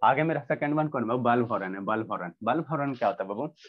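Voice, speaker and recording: A man's voice: medium pitch, quick pace. Man teaching an online class, repeating himself. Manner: repetitive question-and-answer teaching. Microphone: video call. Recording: dull lo-fi online class audio.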